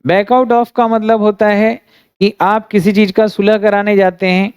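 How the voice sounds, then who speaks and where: A man from India teaching English phrasal verbs in a classroom lesson, dictating example sentences slowly and deliberately, with an Indian English accent. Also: sits high, little pitch movement, smooth, no echo, clean studio sound. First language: Hindi.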